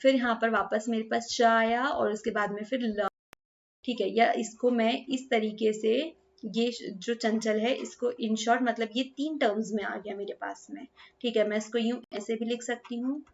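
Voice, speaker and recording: A woman teaching Hindi grammar, mixing in English words and checking often whether it is clear. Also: fairly high pitch, steady tone, normal speed, highs cut off. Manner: checks understanding with repeated "clear?" and "ठीक है". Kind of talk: classroom explanation.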